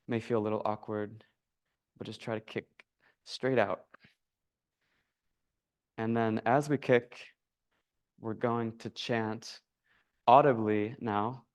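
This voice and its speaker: A man teaching a yoga class, calmly guiding breath and movement. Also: on the low side, clear, resonant tone. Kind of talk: guided yoga class instruction. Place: yoga studio.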